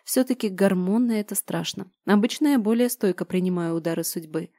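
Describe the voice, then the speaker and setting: A woman reading a novel aloud in the first person, calm and measured. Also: medium pitch, no echo, studio quality. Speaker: audiobook narrator. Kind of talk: first-person audiobook narration.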